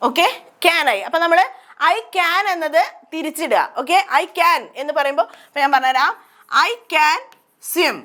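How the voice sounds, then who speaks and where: High bright Malayali woman teaching. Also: a little slow. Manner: repeats questions and answers them herself. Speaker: English teacher. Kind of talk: grammar lesson explained in Malayalam.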